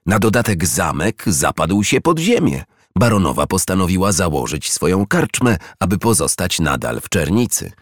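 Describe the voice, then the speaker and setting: A man narrating a children's storybook in an expressive read-aloud manner. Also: sits low, moderate pace, few pauses, no room sound, studio quality.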